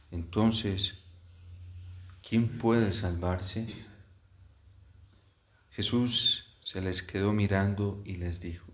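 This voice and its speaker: A male priest preaching with a fairly low voice, unhurried and deliberate, pausing between phrases. His words ring out with the echoey reverb of a church, and the homily builds in intensity. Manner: slow, measured preaching with long pauses, rising in intensity.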